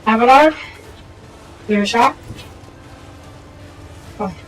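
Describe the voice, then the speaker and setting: A woman's voice: on the high side, slow, soft background music, rough recording. Woman thinking aloud over a game. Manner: chatty, thinking aloud, stumbling over read-out text. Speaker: game streamer. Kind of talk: casual gameplay commentary and reading game text aloud.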